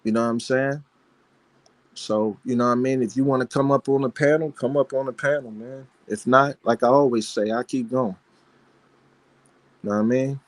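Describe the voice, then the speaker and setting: A man's voice: medium pitch, steady tone, moderate pace, pauses often. A man hosting a live panel show as a dog breeder, talking in a fervent, preachy way, with rhetorical questions and repeated phrases. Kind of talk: casual passionate monologue.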